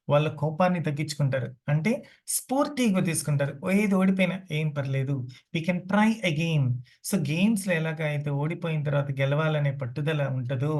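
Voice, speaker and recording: A woman's voice: sits low, a little mellow. Woman, medical transcription trainer, patient lecture style, repeats and rephrases. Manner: mixes English terms into explanations, repeats and rephrases. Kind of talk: classroom lecture.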